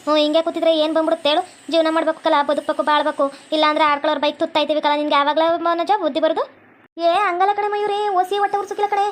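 A bossy cartoon mother-in-law, voiced by a woman, lectures in a North Karnataka accent. Her voice sits very high and stays on a flat, even tune. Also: racing, close to an everyday voice. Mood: scolding. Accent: North Karnataka Kannada. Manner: lecturing, scolding. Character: bossy middle-aged mother-in-law, scolding. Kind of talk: cartoon comedy voice acting.

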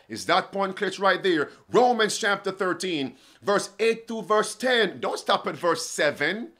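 This man in his forties has a high voice, pushed and bright, as he preaches a prophecy sermon to camera. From a studio desk with bookshelves around him, he reads quotations and asks his listeners pointed questions.

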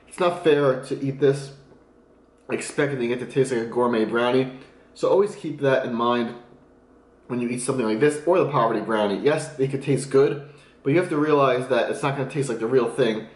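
This casual food vlog features a fitness vlogger in his twenties who eats on camera and explains his diet tips in an upbeat way. His medium-pitched voice has a roomy sound, recorded in a small room at home and later his home kitchen.

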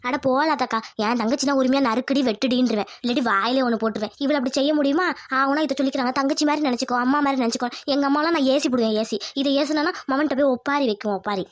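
A woman's voice: high voice, rapid-fire, hardly any pauses, natural voice. A woman playing a frustrated young village wife who complains in an exasperated way.

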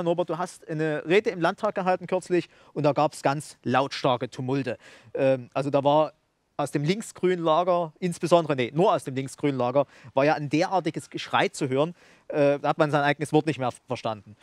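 A man's voice: a little high, brisk, no echo. A man hosting a talk show, commenting on news and leading into the next topic with some fillers.

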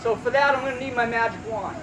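A man's voice: very high-pitched, steady tone, fast talker. A middle-aged man working as a kids party magician, projecting playful, teasing patter and questions to an audience of children. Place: outdoor backyard lawn at a party. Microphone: camera a few metres away. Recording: very noisy outdoor recording with crowd. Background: children and outdoor crowd noise.

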